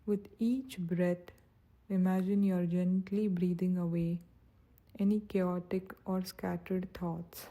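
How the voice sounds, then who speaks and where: Speaking slowly and gently, a woman narrates a guided meditation with a soothing, unhurried calm. Her voice is very mellow, soft and breathy. It sits slightly low and holds a quite even pitch.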